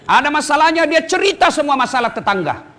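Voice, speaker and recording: Male preacher, middle-aged, high-pitched, comic sermon with acted-out asides and loud punchlines. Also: big pitch swings, quick pace. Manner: playful, mimics wives and husbands, swings between loud punchlines and low asides. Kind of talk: humorous sermon to women's study group.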